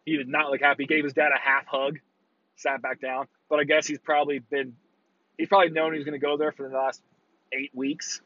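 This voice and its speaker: A man's voice: fairly high pitch, level tone, a little fast, sharp tone, no echo, highs cut off. A man with a worn, burnt-out voice giving a casual, profane, blunt rant as a football talk host. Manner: opinionated, breaking into mocking quotes.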